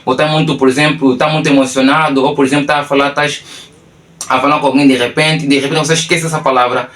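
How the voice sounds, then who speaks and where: A man's voice: medium pitch, level tone, fast, fairly bright tone, roomy sound. A man from Angola with an Angolan Portuguese accent, teaching an online lesson and explaining step by step with repeated tag questions. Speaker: English teacher and mentor.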